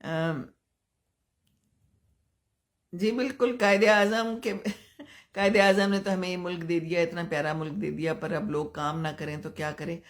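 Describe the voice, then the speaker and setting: An older woman from Pakistan, hosting a live stream and giving gentle advice while answering viewers' comments. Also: fairly low pitch, fairly even intonation, unhurried, pauses often. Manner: gentle, advising, chuckles often.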